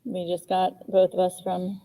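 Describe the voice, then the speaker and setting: Woman co-host, mellow voice, big hall echo, large empty classroom, chatty, laughs a lot. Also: on the low side, completely flat delivery, a little slow. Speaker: co-host, landscaping coordinator. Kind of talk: casual chat on a video call.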